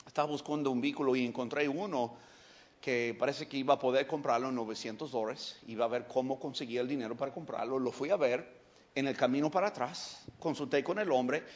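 A male pastor preaching a sermon, telling stories in an animated way and breaking into shouts. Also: medium pitch, brisk, highs cut off.

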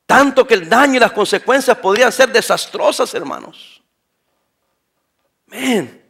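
An older man, a pastor, preaching a sermon, moving from quiet talk to shouting. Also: extremely high pitch, a little slow, gravelly, husky. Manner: animated preaching, swings from soft to shouting.

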